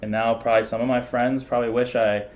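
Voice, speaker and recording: A man talking fast as a guest in a casual interview, with lots of fillers and frequent laughs. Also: medium pitch, little pitch movement, muffled recording, background noise. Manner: talks fast, laughs often, many fillers.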